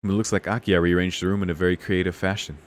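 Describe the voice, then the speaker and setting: Streaming a visual novel, a man reads the text aloud casually and reacts with incredulous, jokey swearing. His voice is deep and quick, with little pitch movement, over the guitar music of a game soundtrack.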